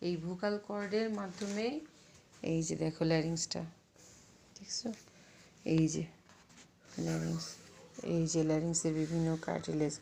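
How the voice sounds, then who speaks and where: A woman's voice: lowish voice, darkish tone, slight background noise. A woman gives an anatomy lecture over slides, explaining step by step and asking her own questions. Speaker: medical lecturer.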